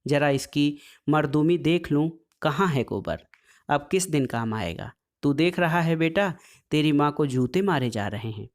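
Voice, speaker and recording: Man voicing an angry village woman, sharp-tongued, defiant, scolding, storybook reading. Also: fairly high pitch, lively intonation, a little slow. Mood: angry defiance.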